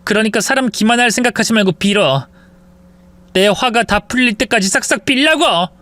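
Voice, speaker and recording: A woman's voice: on the high side, expressive, moderate pace, fairly bright tone, no room sound. A woman telling a dramatic revenge story in the first person, cold and biting in the confrontations.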